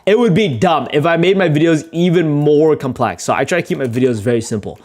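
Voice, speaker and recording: A young adult video creator livestreams himself editing and talks at a quick pace, rambling and joking at his own expense. He swears casually and laughs a lot, and when he tells a story his voice gets louder and higher.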